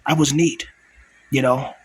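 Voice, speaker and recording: A man in his thirties delivering an aggrieved, repetitive confessional vlog monologue in a hushed whisper, keeping his voice down so he is not overheard, with some swearing. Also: mid-range voice, measured pace. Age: 30s. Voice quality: whispered, hushed voice held back to avoid being overheard. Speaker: video blogger. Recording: clear steady background noise.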